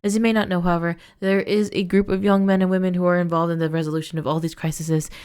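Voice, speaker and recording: A woman's voice: lowish voice, flat delivery, fast, a little mellow, smooth. A woman playing a story game who reads its text aloud and breaks off into emotional, gushing reactions. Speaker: let's play streamer.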